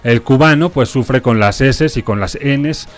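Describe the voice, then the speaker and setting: A man from Spain with a softened Spanish accent, hosting a casual talk show and explaining points in a measured way. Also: medium pitch, soft background music. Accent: Spanish, softened toward neutral Mexican. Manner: explanatory, measured, often tags "¿no?". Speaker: host. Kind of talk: casual radio-style chat.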